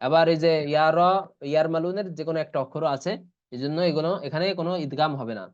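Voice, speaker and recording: A man teaching Quran recitation rules in an online class, spelling out letters and vowel marks one by one and chanting the examples slowly. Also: a little high, steady tone, darkish tone. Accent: Bangladeshi Bengali. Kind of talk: online tajweed lesson. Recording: dull lo-fi online class audio.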